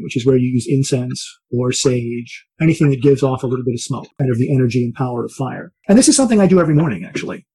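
A man with a slightly husky voice teaches shamanic ceremony as a guided meditation, in slow, repetitive, soothing phrasing. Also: on the high side, dark tone, poor audio. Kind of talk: guided meditation and spoken ritual instruction.

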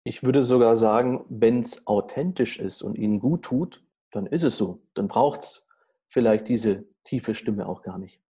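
A man interviewing a guest, asking measured, polite questions. His voice is mellow and dark, with a husky edge, and sits at a middle pitch.

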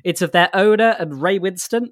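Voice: mid-range voice, moderate pace. A co-host of a comedy podcast who rambles and laughs while reading from a website. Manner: rambling, reads aloud from a website, laughs often. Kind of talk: casual comedy chat.

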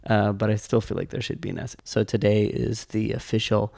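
A man's voice: lowish voice, flat delivery, fairly quick, vocal fry, darkish tone, no room sound. A man co-hosting a casual podcast, dry and leading the talk. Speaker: podcast co-host. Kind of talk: casual chat.

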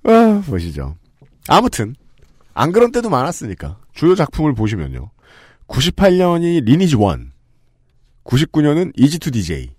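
A man's voice: a little high, normal speed, breathy edge, no room sound. A man hosting a podcast, reading out lists of games and adding joking asides, recorded in a studio. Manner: lively, joking, reads lists with asides and laughs. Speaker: podcast host. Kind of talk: casual podcast talk with scripted segments.

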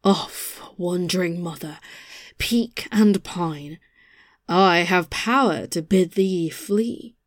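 A man's voice: high-pitched, slow, no room sound, clean studio sound, pitched above the performer's own voice. A man voicing an eerie, commanding noblewoman in a dramatic poetry reading, at times sinking to a hollow whisper. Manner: shifts to a hollow hushed whisper.

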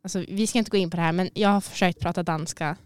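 A woman in casual podcast chat with a smooth, resonant voice. She is recorded dry and close in a studio. She chats easily and laughs readily. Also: fairly low pitch, fairly even intonation, dry recording. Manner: chatty, self-conscious, laughs easily. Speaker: podcast co-host. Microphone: studio mic.

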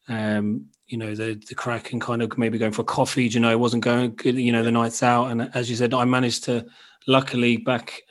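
Even-toned Irish man hosting a podcast. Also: mid-range voice. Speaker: podcast host. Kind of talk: casual interview.

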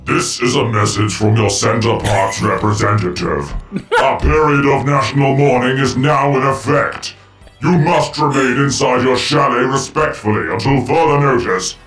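A man putting on a robot voice to play a male robot security guard reading out official orders in a flat announcement manner. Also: medium pitch, normal speed, roomy sound, faint music behind, pitched above the performer's own voice, close to an everyday voice. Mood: stern.

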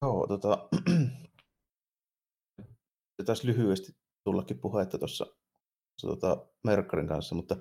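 A man's voice: sits low, creaky, long pauses, dark tone, slightly rough. A man co-hosting a casual podcast, talking hesitantly with many fillers and restarts. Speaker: podcast co-host. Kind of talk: casual chat about games and anime.

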